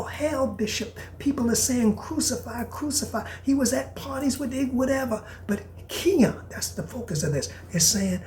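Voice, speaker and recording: A man talks through a podcast like a preacher, pressing on his points with repetition, then sinking to an intense whisper. His voice rings around a roomy, echoey space with a faint hiss behind it. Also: high-pitched. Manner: emphatic and preacherly, repeats lines, drops to hushed whispers. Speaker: podcast host. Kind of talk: preacher-style podcast monologue, reading aloud.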